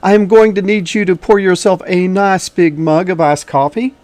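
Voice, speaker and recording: A man's voice: sits high, fairly even intonation, normal speed, darkish tone, no echo. A man with a slightly wheezy voice hosting a casual tutorial, chatting to viewers in a folksy, direct way. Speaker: online tutorial teacher and host. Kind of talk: casual instructional video lesson.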